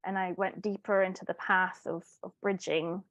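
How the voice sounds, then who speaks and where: A woman's voice: lowish voice, little pitch movement, moderate pace, a bit bright, no echo. A woman who grew up in Italy, a guest on an interview, telling her story in an earnest and reflective way. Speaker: guest, life coach. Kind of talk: interview conversation.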